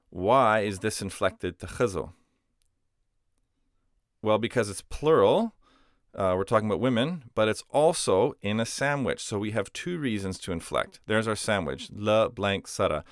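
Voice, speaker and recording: Male teacher explaining grammar slowly, with a low, smooth voice, dry close sound. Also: no room sound. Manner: patient, step-by-step explanations with frequent "uh" and self-corrections. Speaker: language teacher.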